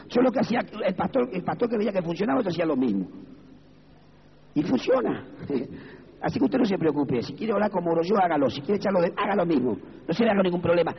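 A man with an Argentine Spanish accent preaching an evangelical sermon as pastor, moving from low, measured speech to high, fervent exclamations. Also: big pitch swings, vocal fry. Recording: reverberant hall, dull lo-fi sound, faint background noise.

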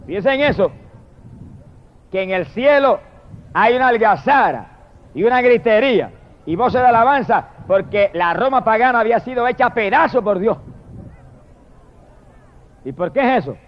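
Man, preacher, high voice, dramatic sermon, loud cries and hushed asides, muffled lo-fi sound. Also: slight background noise. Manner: dramatic, shifts between shouted hallelujahs and low murmured praise. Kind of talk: fiery sermon. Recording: dull lo-fi recording.

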